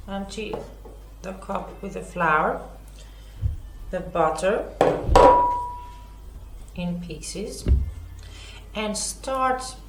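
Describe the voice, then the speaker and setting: A woman's voice: mid-range voice, echoey room, a little hiss or hum. A woman hosting a home cooking lesson, chatty, with many fillers and self-corrections. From Greece. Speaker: cooking show host.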